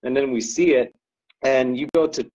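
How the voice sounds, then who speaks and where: A man's voice: mid-range voice, steady tone, normal speed, darkish tone, dull audio. A man chatting as a podcast guest, rambling with lots of ums and likes and frequent laughs. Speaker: guest co-owner describing an ultra race. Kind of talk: casual podcast chat.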